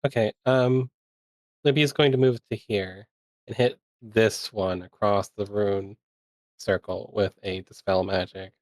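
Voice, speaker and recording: A man's voice: on the low side, steady tone, a little slow, dry recording. A man playing in a tabletop game, asking about rules and describing his moves with many hesitations. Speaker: player. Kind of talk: casual tabletop play.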